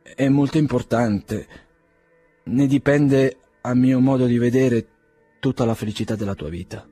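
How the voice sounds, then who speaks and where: A man voicing a proud, ailing aristocrat nearly fifty, speaking in a measured, solemn, quiet way. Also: medium pitch, husky, no room sound, soft background music.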